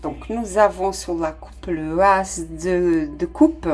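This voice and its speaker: Loud music plays behind a middle-aged woman giving a slow, casual tarot reading in a lowish voice. She has a non-native French accent, hesitates with many fillers and exclaims with delight at the cards.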